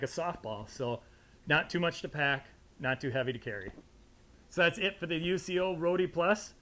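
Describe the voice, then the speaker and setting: An American man in his thirties gives a casual, informal product review straight to camera, chatting conversationally. He's in an indoor studio with a fabric backdrop, and his mid-range voice has a fairly bright tone.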